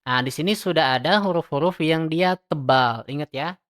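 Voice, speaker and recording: A man's voice: fairly high pitch, moderate pace, fairly bright tone. A man teaching Quran reading in a recorded lesson, drilling Arabic letter sounds syllable by syllable and explaining where the tongue and mouth go.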